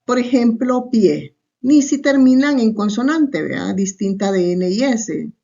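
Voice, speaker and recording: This teacher speaks with a Salvadoran Spanish accent, her voice a little high, warm and animated, with vocal fry and a measured pace. In a recorded online class she explains things step by step, regularly slipping in questioning asides, and the audio is muffled and lo-fi.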